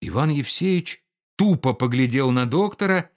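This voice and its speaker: A man reading a story aloud with a lively, dramatic delivery. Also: mid-range voice, a little slow. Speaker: narrator.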